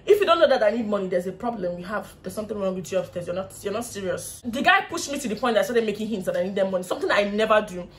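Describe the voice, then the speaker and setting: Speaking very fast with hardly any pauses, a young Nigerian-accented woman recounts a storytime vlog in a lively, casual way, often laughing and imitating others. Her voice is mid-range, and there's a slight hiss or hum in the recording.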